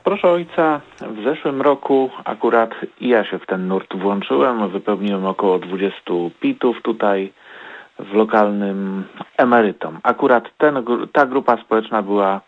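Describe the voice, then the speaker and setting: A man's voice: lowish voice, moderate pace. A man calling a radio phone-in, giving an unscripted account over a tinny phone line.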